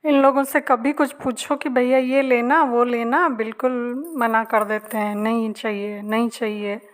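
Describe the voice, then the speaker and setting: A middle-aged woman with a North Indian Hindi accent, her voice sitting a little high. She talks softly and slowly, almost hushed, as she narrates her day at home in a relaxed, casual voice-over. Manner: speaks softly and slowly so as not to disturb. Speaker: family vlogger. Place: room at home, indoors.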